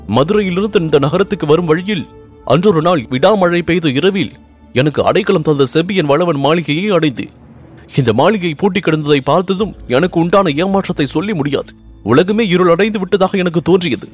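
An ardent young prince, anxious and lovesick, pleading earnestly, as a male storyteller puts him on. His voice climbs well above the reader's own and comes out louder and more urgent. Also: a little high, breathy edge, pitched above the performer's own voice. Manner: earnest, pleading, rising with emotion.

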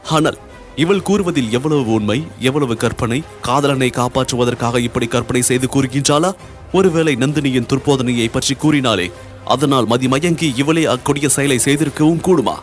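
A man narrating a historical novel in a steady storytelling voice. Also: mid-range voice, normal speed, faint music behind. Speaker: audiobook narrator. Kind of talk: scripted narration.

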